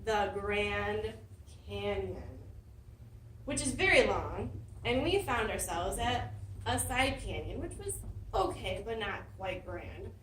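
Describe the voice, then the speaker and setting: A woman giving a prepared personal story speech at a speaking club, telling it with lively dramatic emphasis. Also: mid-range voice, takes it slowly, a little hiss or hum. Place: meeting room. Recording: roomy hall, mic at a distance.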